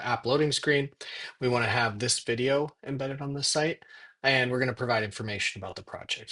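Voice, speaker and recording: A man giving a casual software tutorial, thinking aloud as he works at his computer. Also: medium pitch. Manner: thinks aloud while typing, dictating prompts in slow pieces. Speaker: software demo presenter. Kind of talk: casual screen-recorded tutorial narration.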